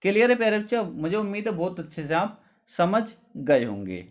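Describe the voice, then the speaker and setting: A male teacher giving an exam-prep lesson. He asks questions and answers them himself, often checking whether it is clear, and drops his voice for each answer. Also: sits high, very animated, brisk. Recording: dull lo-fi sound.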